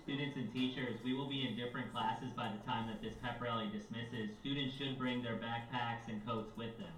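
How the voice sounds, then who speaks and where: A man reading school announcements over an intercom, in a measured way that repeats each instruction. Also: medium pitch, fairly even intonation. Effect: heard over a school intercom loudspeaker. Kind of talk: public address announcements. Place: classroom, heard from a wall speaker. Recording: echoey distant intercom speaker with faint room hum.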